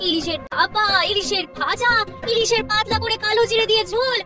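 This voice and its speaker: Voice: extremely high pitch, fairly quick. An actor voicing a fussy, talkative village housewife in a cartoon, homely and exaggerated, full of questions. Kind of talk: cartoon voice acting. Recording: loud music under the voice.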